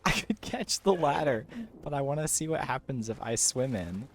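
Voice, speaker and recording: A man's voice: mid-range voice, big pitch swings, normal speed. A man playing a co-op game, chatting casually in a playful, exclamatory way. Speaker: gamer playing co-op. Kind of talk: casual gameplay banter.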